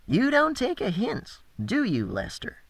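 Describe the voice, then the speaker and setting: A man's voice: very high voice, wildly swooping pitch, unhurried, no echo, voice pushed up, exaggerated voice. A man voicing a rude, blustering young male thug in an audiobook. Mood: sneering.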